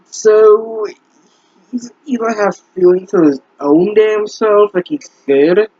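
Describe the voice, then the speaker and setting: A young man with a high-pitched, mellow voice speaks slowly as he reads a terrible fanfic and tears into it, sarcastic, exasperated and swearing often. The audio is dry with no echo, captured on a dull lo-fi microphone.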